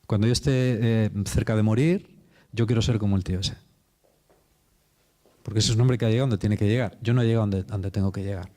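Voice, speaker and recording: Male preacher, Spain Spanish accent, lowish dark voice, chatty informal sermon delivery. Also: fast talker, long pauses. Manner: informal, chatty storytelling with slang. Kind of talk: conversational sermon.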